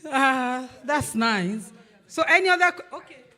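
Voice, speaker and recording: A speaker in their sixties talking in a relaxed group discussion, halting and laughing between short phrases. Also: sits high. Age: 60s.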